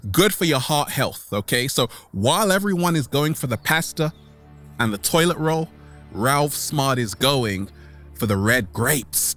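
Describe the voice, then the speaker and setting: At medium pitch and with a fairly bright tone, a man acts as a vlog host giving a motivational monologue to his online followers. His delivery is theatrical and playful, with catchphrases repeated and words stretched out for emphasis.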